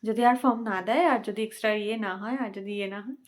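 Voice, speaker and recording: Homely high-voiced woman vlogging. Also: fairly even intonation, rapid-fire. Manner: soft, homely, talks straight to viewers. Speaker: vlogger, mother of a small boy. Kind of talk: casual home vlog chat.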